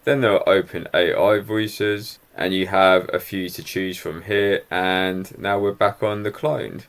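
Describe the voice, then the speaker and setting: A man with a low voice talks the listener through a piece of software, step by step. His manner is upbeat and explanatory, like a screen-recorded tutorial. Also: steady tone, unhurried. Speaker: software reviewer.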